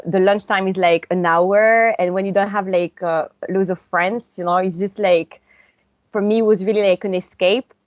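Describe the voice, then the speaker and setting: A woman's voice: mid-range voice, no room sound. A chatty young woman from France, raised in Brussels, talks as a guest from her home. Her speech is loose, with lots of fillers, and her laughs come easily. The audio is dull and lo-fi, dry, with no room sound. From born in France, raised in Brussels. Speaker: guest, actress and director. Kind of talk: casual interview conversation.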